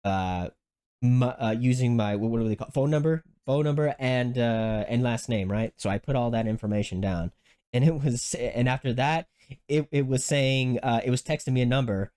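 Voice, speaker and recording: The podcast host's tone is clean as he tells an animated, expletive-filled story at a moderate pace. There are many false starts, plus sudden high jumps when he quotes himself.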